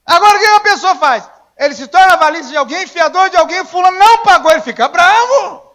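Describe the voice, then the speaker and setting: A man preaching a sermon as pastor, telling stories in a conversational way, acting out the dialogue and now and then rising to a shout. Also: extremely high pitch, lively intonation, fast. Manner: conversational storytelling, acts out dialogue, rises to shouting. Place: church. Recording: dull lo-fi church recording.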